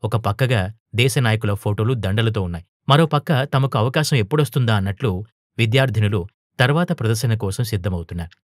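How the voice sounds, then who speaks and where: A man narrating an audio story in a steady, measured way. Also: on the low side, dry recording, clean studio sound. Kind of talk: scripted narration.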